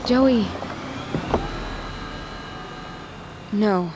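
A woman's voice: mid-range voice, extremely slow, background noise. A woman playing a worried, protective young older sister, restrained and stern, in an audio drama.

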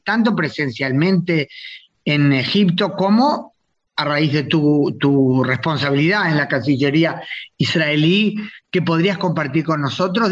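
A man's voice: fairly high pitch, a bit bright, lo-fi sound. A man hosting a radio interview, chatting and asking long, framing questions. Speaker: radio host.

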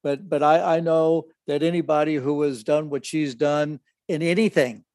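A man's voice: on the high side, fairly even intonation, a little mellow, no echo. Brief: older fatherly co-host, stop-start hesitant delivery, dry close recording. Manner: halting, many fillers and restarts. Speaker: podcast co-host, the other host's father. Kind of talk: casual chat.

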